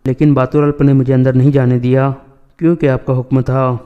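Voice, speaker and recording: A man reading the lines of a defiant young woman questioning her brother, in a flat, even voice. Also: medium pitch, smooth, dull audio, lightly acted.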